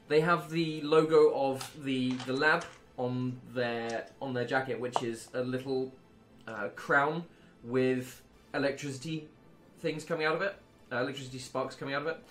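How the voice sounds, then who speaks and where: A man's voice: medium pitch, steady tone, normal speed, hardly any pauses, a bit bright. A man narrating as game master of a tabletop game, hesitant, with many ums and self-corrections.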